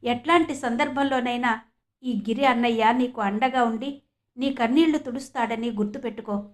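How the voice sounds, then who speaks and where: A woman's voice: a little high, moderate pace, natural voice. Woman voicing a firm brotherly young man.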